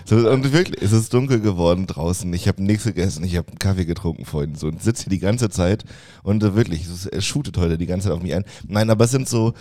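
A man co-hosting a casual podcast from an office, venting his frustration in quick, rambling bursts with frequent restarts. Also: sits low, warm tone. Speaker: podcast co-host.

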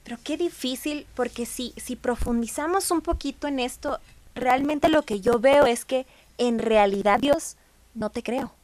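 A woman's voice: high-pitched, unhurried, a little mellow, no room sound. A woman host, interviewing attentively and affirming often. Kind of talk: conversational interview.

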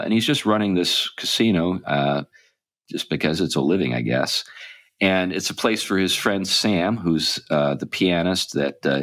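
Podcast host, male, low voice, loose and meandering delivery. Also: a bit bright. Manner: rambling, with frequent ums and restarts. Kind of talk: casual chat.

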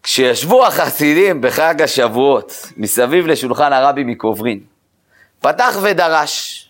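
A man's voice: mid-range voice, lively intonation. A man, a rabbi, giving a spoken Torah lesson to a group, talking conversationally, asking rhetorical questions and checking in with his listeners. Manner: conversational, uses casual fillers. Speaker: rabbi teaching a class.

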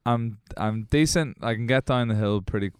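A man's voice: mid-range voice, normal speed, clear, resonant tone, dry recording, clean studio sound. A man co-hosting a podcast in casual chat, rambling with many fillers. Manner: rambling, relaxed, full of fillers. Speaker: podcast co-host. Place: small podcast studio.

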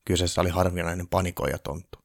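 A man reading a humorous Christmas story aloud in a dry, deadpan way. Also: sits low, vocal fry, no echo.

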